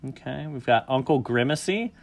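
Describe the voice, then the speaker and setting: A man hosting a loose podcast conversation reads down a list one entry at a time. He breaks it up with quick jokes and offhand comments. His voice sits in an ordinary middle pitch. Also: expressive, vocal fry. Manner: reads entries aloud with quick joking asides. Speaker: podcast host. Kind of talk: casual podcast chat.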